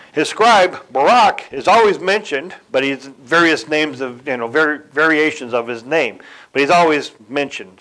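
A man giving a sermon in a deliberate way, pausing, correcting himself and chuckling now and then. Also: on the high side, fairly bright tone, low-quality recording. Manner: slow, deliberate delivery with occasional chuckles and self-corrections. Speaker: church speaker.

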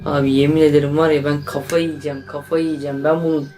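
A man's voice: on the high side, fast, faint music behind. Nervous young Turkish man vlogging. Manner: tense, excitable, addresses viewers as friends. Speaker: YouTuber. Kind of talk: casual vlog to camera.

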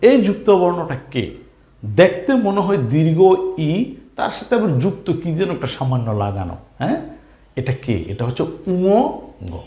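A Bengali reading teacher gives a spelling lesson to beginners, going slowly and patiently as he drills each letter and syllable, repeats them, and asks questions. His fairly high, dark-toned voice swings up and down in an animated, sing-song way, and the recording has a roomy echo.

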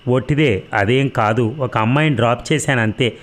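A man's voice: mid-range voice, moderate pace, close to an everyday voice. A man reading an audiobook, voicing a frightened young man who pleads his innocence. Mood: pleading. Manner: pleading, desperate.

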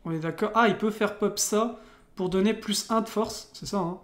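A person with a French accent talks through their own online card game match in a casual way, using many fillers and restarts. The voice is medium-pitched, a bit bright, and moderately paced, recorded in an echoing room.

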